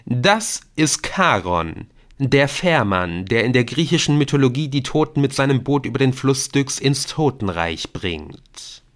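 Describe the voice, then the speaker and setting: A man voicing a theatrical, riddle-loving man in an audiobook, teasing and mock-dramatic. His voice rides noticeably higher and louder than the narration. He leans into each line with playful showmanship. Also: big pitch swings, measured pace. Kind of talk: audiobook character voice.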